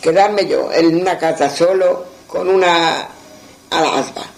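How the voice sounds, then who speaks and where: A man's voice: fairly high pitch, steady tone, slow pace, poor audio. A man with a Moroccan Judeo-Spanish accent voicing a kindly older merchant in a folk tale, reassuring and fatherly.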